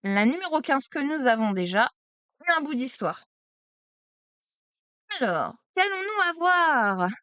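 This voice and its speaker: A woman streaming a card opening, chatty and excitable, exclaiming over each card. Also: sits high, unhurried, long pauses, no echo. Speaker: streamer opening trading cards. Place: at home desk.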